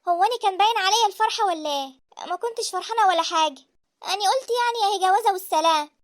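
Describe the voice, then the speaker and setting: A woman voicing a shy, self-sacrificing young sister in an animated story, with an Egyptian accent. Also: very high voice, very fast. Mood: tender. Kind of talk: cartoon voice acting.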